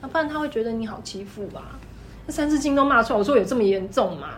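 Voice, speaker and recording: A woman with a Taiwanese Mandarin accent rattles through her shop stories at a brisk clip, her voice sitting a little high. She talks in an animated, emphatic way. A faint hum of room noise sits under her. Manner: animated, fast-talking, emphatic. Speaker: guest, clothing shop owner. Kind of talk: casual storytelling chat.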